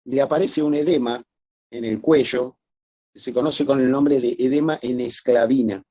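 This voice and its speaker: A man's voice: medium pitch, steady tone, normal speed, dark tone, no room sound, lo-fi sound. A man giving a recorded medical lecture, explaining methodically and addressing students formally.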